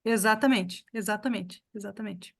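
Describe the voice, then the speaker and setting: A woman teaching a live online pronunciation lesson, explaining patiently and repeating sounds slowly for her students. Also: mid-range voice. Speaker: English teacher.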